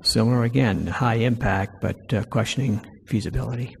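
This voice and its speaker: Gravelly man presenting in a hall. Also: medium pitch, a little hiss or hum. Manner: reads each item aloud louder and slower. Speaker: presenter leading a workshop poll. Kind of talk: presenting poll results to an audience. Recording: long hall reverb.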